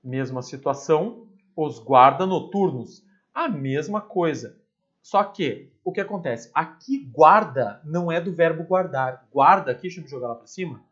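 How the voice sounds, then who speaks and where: A man's voice: a little high, animated, normal speed, a bit bright, dull audio. A male teacher explains grammar in a chatty way, asking rhetorical questions and dropping asides. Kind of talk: recorded grammar lesson.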